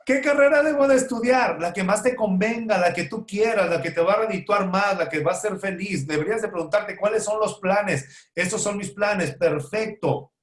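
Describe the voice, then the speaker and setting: Man teaching Bible study, slightly high voice. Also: normal speed, few pauses. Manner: asks and answers his own rhetorical questions, joking asides. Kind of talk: conversational Bible study lesson. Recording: roomy echo.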